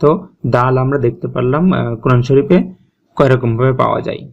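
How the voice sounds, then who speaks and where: A man's voice: medium pitch, level tone, fast, vocal fry, dull audio. A man teaching Quran recitation step by step, patiently repeating each sound and checking in with his listeners. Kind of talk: step-by-step tajweed lesson.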